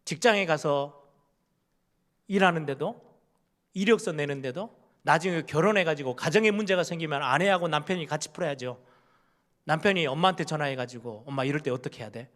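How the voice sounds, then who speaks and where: A man's voice: a little high, fairly bright tone. Conversational man preaching a sermon. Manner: conversational, asks the congregation questions; acts out parents' and children's words in quoted voices. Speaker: pastor.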